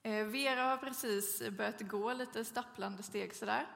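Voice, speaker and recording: Woman preacher, mid pitch, gravelly edge, conversational sermon delivery, long church reverb. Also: fairly even intonation, a bit bright. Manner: conversational storytelling with occasional fillers. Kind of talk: sermon with scripture reading.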